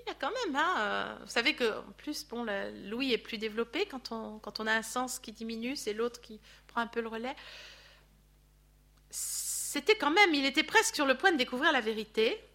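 A woman leading a Bible study, telling the story in a lively way with chatty asides to her listeners. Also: a little high, moderate pace. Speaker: Bible teacher.

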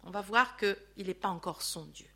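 A woman leading a Bible study, telling the story in a lively way with chatty asides to her listeners. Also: medium pitch, normal speed. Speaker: Bible teacher.

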